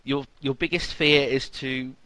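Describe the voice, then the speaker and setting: A man's voice: medium pitch, steady tone, unhurried, sharp tone, no room sound. A man co-hosting a casual podcast, joking, teasing and swearing freely. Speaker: podcast co-host.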